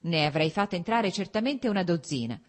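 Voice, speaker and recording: A woman voicing a fussy, refined intellectual man, the older brother in an audiobook, speaking in quick exclamations. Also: fairly low pitch, animated.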